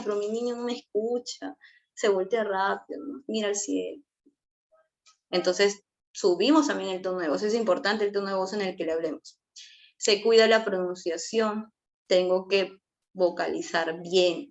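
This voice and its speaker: A woman giving a class on early childhood language, talking in a lively way and acting out how adults speak to small children. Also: medium pitch. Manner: lively, acts out child-directed speech. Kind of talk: online class lecture.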